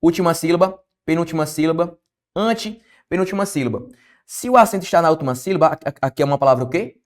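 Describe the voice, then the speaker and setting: Brazilian man teaching grammar, high-pitched. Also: fast. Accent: Brazilian Portuguese. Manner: lively, questioning, answers his own questions. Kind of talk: online exam-prep grammar lesson.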